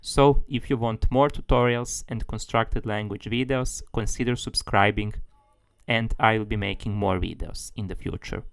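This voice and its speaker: Steady man teaching step by step. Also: lowish voice, normal speed, vocal fry, clean tone, no echo. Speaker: language tutor. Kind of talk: tutorial explanation.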